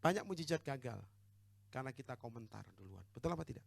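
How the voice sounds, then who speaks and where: A man preaching a charismatic sermon, swinging from hushed asides to loud exhortations and calling for amens, with English phrases dropped in. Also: medium pitch, expressive, quick pace, gravelly, no room sound. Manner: calls for amens and congregational responses. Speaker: evangelist preacher.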